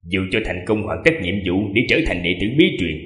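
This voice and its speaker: A man's voice: low-pitched, fairly quick, fairly bright tone, voice pushed down. A man with a sore throat voicing an older male sect master who teases his female disciple with knowing advice. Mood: teasing. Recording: echoey, long reverb.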